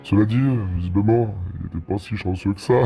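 Un homme qui joue un informateur anonyme au téléphone, sa voix passée dans un modificateur de voix qui la rend très grave, bavard et blagueur. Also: male voice, fairly quick, creaky, dark tone, faint music behind. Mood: confiding. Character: anonymous male informant, gossiping, punning. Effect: voice changer pitching the voice down. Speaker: caller.

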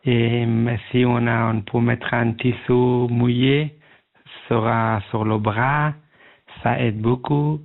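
Over a thin, narrowband phone connection, a radio phone-in caller speaks from home in a slow, creaky, mid-range voice with a level tone and an Afghan accent. He converses hesitantly in a second language, politely pausing as he hunts for words.

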